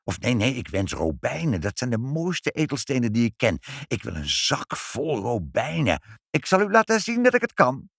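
A man voicing a greedy, boastful grown man in a storybook reading, gloating and shrill, prone to fits of rage. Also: wildly swooping pitch, normal speed, gravelly, a bit bright, no room sound, clean studio sound, exaggerated voice. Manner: gloating and shrill, yelps in pain.

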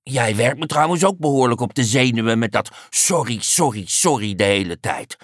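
A woman's voice: extremely low pitch, expressive, a little slow, no echo, clean studio sound, pitched above the performer's own voice, heavily acted. A woman voicing a grumpy, irritable male rhinoceros in a children's story, blunt and grumbling. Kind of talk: storybook character voice.

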